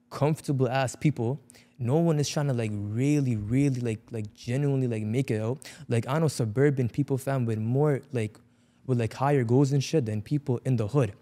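His voice is warm and mid-range: a young adult man with an urban Toronto accent, talking casually. Heavy slang fills his speech, and he repeats points for emphasis.

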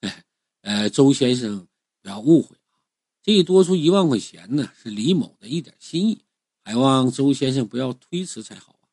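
A man voicing a polite, flattering middle-aged businessman in a told story. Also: mid-range voice, normal speed, slightly rough, dry recording, studio quality. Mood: ingratiating. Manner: courteous, ingratiating.

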